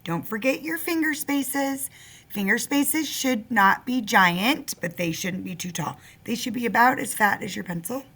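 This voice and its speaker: A woman's voice: on the high side, fairly bright tone, husky. A woman teacher dictating a first-grade spelling test, sounding words out and repeating them with simple instructions for young children. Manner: sounds words out slowly, repeating each one.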